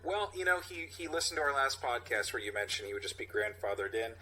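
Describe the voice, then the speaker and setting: A man co-hosts a comedy podcast and reads listener submissions in a loose, halting way, often stumbling as he goes. His voice is very bright and midrange, with a faint hiss underneath. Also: medium pitch, expressive, rough recording. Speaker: podcast co-host. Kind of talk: casual podcast chat, reading aloud.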